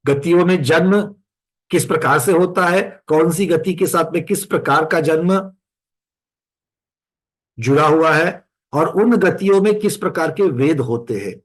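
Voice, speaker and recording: A man with a slightly high voice teaches a scripture lesson over an online class. He recites verses slowly and drawn out, then explains them, asking his students questions as he goes. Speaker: religious teacher. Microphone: screen-sharing online class.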